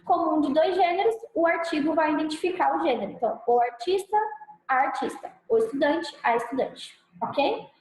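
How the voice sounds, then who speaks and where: A Brazilian woman teaching a grammar lesson, checking in with her students often and sounding out example words slowly and loudly. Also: high-pitched, reverberant, low-quality recording. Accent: Brazilian Portuguese. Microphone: clip-on mic.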